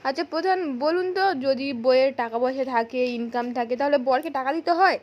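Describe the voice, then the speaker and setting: A calculating village father eyes the money in a divorce, as a woman narrator reads him in her own high voice. The delivery is a plain recap. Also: a little fast, lightly acted. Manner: calculating, coaxing.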